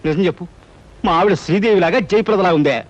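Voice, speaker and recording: A man's voice: sits high, quick pace, dry recording, natural voice. An actor playing a flustered, gullible rich man. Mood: fretful. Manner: fretful, pleading, self-pitying. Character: fussy gullible well-off man, flustered and pleading. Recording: dull film soundtrack with faint music.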